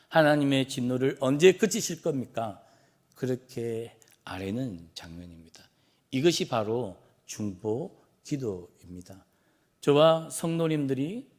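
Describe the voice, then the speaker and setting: A man's voice: medium pitch, darkish tone. A male pastor giving an explanatory early-morning sermon, asking questions and answering them himself. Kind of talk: dawn prayer sermon.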